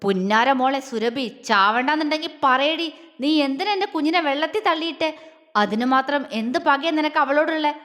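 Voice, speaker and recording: A woman's voice: high voice, moderate pace. A woman voicing a furious, possessive young man who turns tender with his beloved, in a Malayalam audio story. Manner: threatening, harsh then softly soothing. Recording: long hall reverb.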